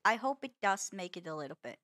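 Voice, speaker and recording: A woman streamer giving casual gameplay commentary, musing aloud in a soft, self-mocking way and often tripping over and repeating her words. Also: mid-range voice, big pitch swings, fast, dry recording.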